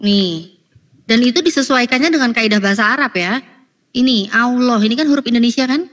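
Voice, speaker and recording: A woman's voice: on the high side, brisk, fairly bright tone. A woman in a heated online debate, talking in an insistent, lecturing way and sounding exasperated, on a video call.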